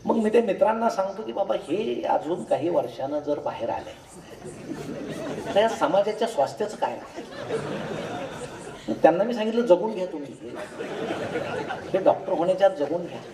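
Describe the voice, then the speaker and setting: A man's voice: sits high, lively intonation, normal speed, long pauses, noisy background. A man with a Marathi accent giving a humorous public lecture, telling jokes and acting out the dialogue in his stories. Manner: joking storyteller, acts out dialogue. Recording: echoey hall, distant mic, crowd.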